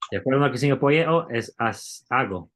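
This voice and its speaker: A man's voice: mid-range voice, expressive, brisk, a bit bright. A man teaching a Bible Greek class, explaining step by step and asking the students questions. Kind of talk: classroom lecture.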